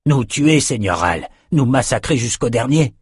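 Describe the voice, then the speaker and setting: A man's voice: medium pitch, lively intonation, normal speed, slightly rough, no echo, clean studio sound. A man voicing a weary, blood-soaked male soldier who raises blunt but respectful objections, in an audiobook. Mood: worried. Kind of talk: audiobook character reading.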